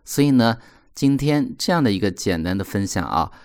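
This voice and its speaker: Guy teaching english sounds, lowish voice that bounces around a lot, says words slow and repeats em. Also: expressive, darkish tone. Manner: explains patiently, models words slowly and repeats them. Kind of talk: recorded pronunciation lesson.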